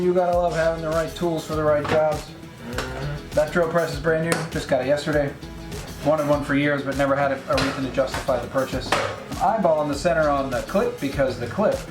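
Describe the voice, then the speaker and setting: In his echoey home garage, a man with a fairly high voice hosts his DIY project vlog. He chats casually, pokes fun at himself, and explains each step as he goes.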